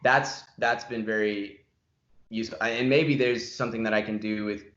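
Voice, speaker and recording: A man's voice: fairly low pitch, steady tone, normal speed, a bit bright. Male host, curious and agreeable, recorded in an echoey room. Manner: curious, asks questions, agreeable. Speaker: musician podcast host. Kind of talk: casual interview chat. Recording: roomy, dull lo-fi audio.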